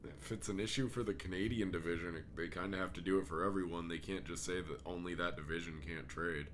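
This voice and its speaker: A man with a very low voice chats on a podcast, sounding tired and easygoing and laughing now and then. Faint background noise sits under his voice. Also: steady tone, quick pace, fairly bright tone. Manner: laid-back, joking, laughs often. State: tired, yawning. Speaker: podcast co-host. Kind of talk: casual chat.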